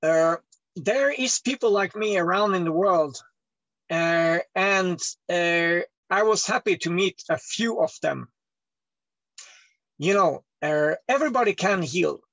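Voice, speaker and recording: A man from Northern Scandinavia, talking loudly in broken English as an interview guest while lying down away from the microphone. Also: slow pace, no echo, lo-fi sound. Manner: speaks loud toward a distant mic, broken English, swings between deep and high. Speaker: healer interviewee. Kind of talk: rambling interview monologue. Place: lying down indoors. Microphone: microphone set away from his head.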